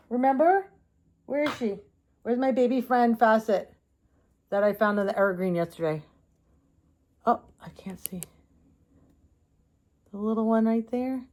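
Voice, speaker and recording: Gushing, exclamatory woman vlogger. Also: on the high side. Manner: gushing and exclamatory, with frequent swearing; addresses viewers directly and calls the crystals she or baby. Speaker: crystal shop owner and vlogger. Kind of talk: casual show-and-tell vlog.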